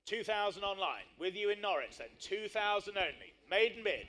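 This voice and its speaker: High-voiced male auctioneer calling bids. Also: expressive, normal speed, bright, forceful tone. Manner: repetitive bid patter with short clipped phrases.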